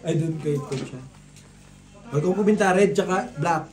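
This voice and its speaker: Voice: medium pitch, normal speed, roomy sound, recorded from a distance. A card player with a Filipino accent, teasing and swearing freely in casual banter over a card game. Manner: teasing, swears freely, laughs while talking.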